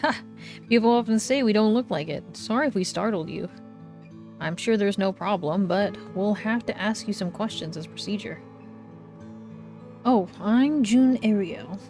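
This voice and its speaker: A woman's voice: mid-range voice, moderate pace, darkish tone, close to an everyday voice. A young male rookie detective in a video game, read aloud by a woman. He is polite, eager and talkative. Faint music plays behind the voice. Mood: chatty, polite. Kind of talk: reading game dialogue aloud.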